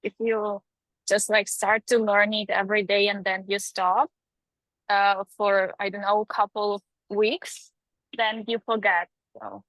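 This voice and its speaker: A woman's voice: mid-range voice, level tone, measured pace, fairly bright tone, dry recording, rough recording. A woman who is a guest on a live webinar, answering a question simply and casually.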